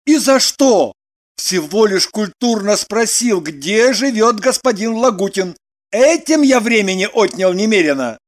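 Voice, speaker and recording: A man's voice: high voice, animated, measured pace. A man reading the part of a prim, self-important businessman in an audiobook, stiff and indignant.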